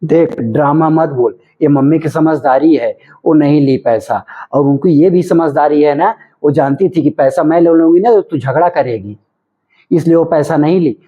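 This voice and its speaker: A man's voice: fairly high pitch, moderate pace, husky. A man playing a husband who scolds and lectures in a scripted family comedy skit. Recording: dull lo-fi home video sound.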